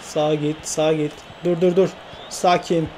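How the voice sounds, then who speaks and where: A man commentating his own football video game career, excitable, grumbling and cheering at his own play. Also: on the high side, moderate pace, slight background noise. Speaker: gaming YouTuber.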